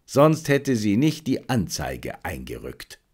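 A man's voice: on the low side, huge pitch swings, slow, a little mellow, breathy edge, exaggerated voice. A male audiobook narrator voicing an intense, fired-up male detective who lectures his assistant urgently. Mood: insistent.

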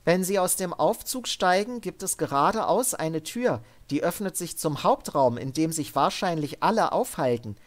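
Jittery young tech guy, hesitant, wants to help, voice pushed higher, reader putting him on. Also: lively intonation, normal speed, few pauses, close to an everyday voice. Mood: nervous. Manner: hesitant, eager to please. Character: nervous young male technician, eager to help.

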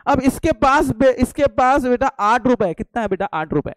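Playful high-voiced male tutor. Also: expressive, moderate pace, no echo. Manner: playful, teasing, quizzes students and answers himself; mixes English phrases into his talk. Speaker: online commerce tutor. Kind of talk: live online lecture with jokes.

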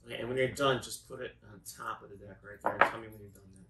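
A middle-aged magician co-hosting a magic show performs a card trick in chatty patter, drifting into tongue-in-cheek asides. His voice is fairly low, creaky, fairly even in intonation, and racing. He sounds distant from the phone camera set back from the table in a small dark indoor room, with heavy background noise.

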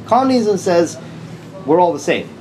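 A man's voice: high voice, sing-song, normal speed, warm tone, a faint crowd, rough recording. An opinionated man, from Texas, tells history in casual chat, swearing freely and acting out voices.

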